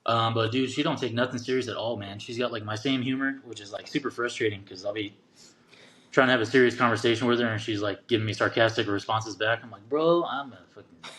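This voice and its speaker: Regular-voiced dude chatting easy on a podcast, lots of slang. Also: male voice, medium pitch, fairly even intonation, quick pace, fairly bright tone. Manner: laid-back slang, "dude" and "man". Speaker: guest father. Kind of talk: casual interview chat.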